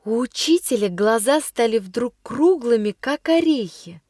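A woman narrating a first-person story in a measured storytelling way. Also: fairly high pitch, lively intonation, mellow, no echo, clean studio sound. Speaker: audiobook reader.

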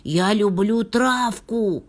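A woman's voice: medium pitch, slow, voice pushed up. A woman doing a bewildered stammering little donkey. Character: timid gentle male donkey, turned wolf in a dream.

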